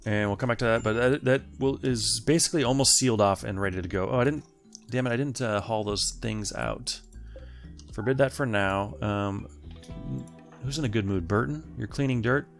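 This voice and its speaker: Man, gravelly voice, casual gameplay commentary, thinking aloud, faint game music behind. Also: mid-range voice, moderate pace. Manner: thinks aloud, chatty, addresses game characters. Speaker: let's play host.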